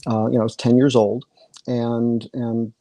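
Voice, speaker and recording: A middle-aged man from Michigan chats as an interview guest over a video call. His voice is dark and mellow, recorded dry with no room sound. He circles his points with lots of restarts and filler. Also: mid-range voice, level tone, moderate pace, no room sound. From Michigan, USA. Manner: chatty, many restarts and repeated words. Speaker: guest comic artist. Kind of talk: casual interview. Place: home room with bookshelves.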